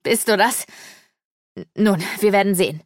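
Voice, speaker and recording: A woman's voice: medium pitch, measured pace, no echo, clean studio sound, lightly acted. A woman voicing an angry, sneering male bird-man warrior in an audiobook. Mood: aggressive. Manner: sneering, aggressive.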